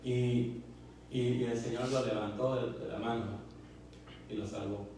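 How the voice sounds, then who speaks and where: A man's voice: medium pitch, fairly even intonation, unhurried, darkish tone, a little hiss or hum. A man preaching a sermon as pastor, fervent and repetitive, full of fillers and questions to the congregation. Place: church hall. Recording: very echoey hall, mic far off.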